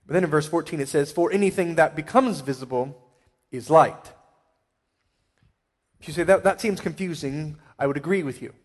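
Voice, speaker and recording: A male pastor preaching a sermon with emphatic swells and quiet asides. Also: a little high, normal speed, pauses often. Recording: long hall reverb.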